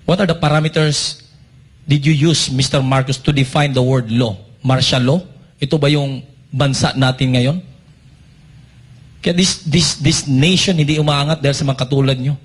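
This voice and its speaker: A man's voice: mid-range voice, fairly even intonation, moderate pace, breathy edge. A Filipino man making an impassioned, accusatory statement on behalf of his church. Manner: accusatory, emphatic. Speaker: church member speaking out.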